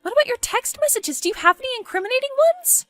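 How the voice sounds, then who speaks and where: A woman voicing an excitable, pushy young woman friend in an animated story, exclaiming and goading. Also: very high voice, quick pace, faint music behind, pitched above the performer's own voice, full character voice. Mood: worried.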